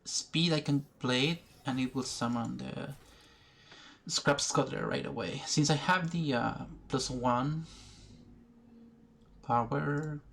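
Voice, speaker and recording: A man giving educational commentary over a card game, thinking aloud slowly, pausing often and restarting his sentences. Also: medium pitch, gravelly, fairly bright tone. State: has the hiccups. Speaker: gaming video creator. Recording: faint background noise, poor recording.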